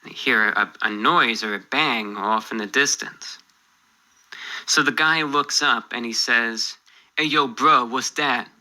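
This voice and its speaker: A YouTuber answers viewer emails in a casual monologue, sounding calm, understated and mildly bemused. His voice is mid-range, he takes it slowly, and the audio quality is poor.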